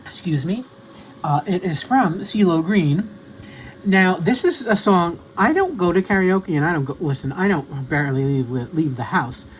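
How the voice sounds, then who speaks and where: A man's voice: sits high, lively intonation, normal speed, a little hiss or hum, rough recording. A man, a YouTube creator, chatting casually about songs in a rambling, self-deprecating way.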